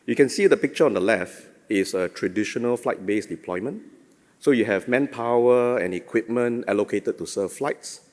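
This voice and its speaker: A man's voice: mid-range voice, normal speed, darkish tone. A man giving a conference keynote as a chief executive, with a polished, formal corporate delivery, in an echoey hall. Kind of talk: prepared conference keynote presentation. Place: large indoor conference hall. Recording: echoey hall with long reverb.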